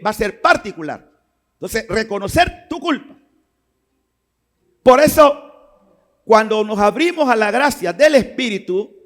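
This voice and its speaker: A man preaching a sermon as a priest, swinging from quiet asides to impassioned shouts. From Panama. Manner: impassioned, rising to shouts and dropping low.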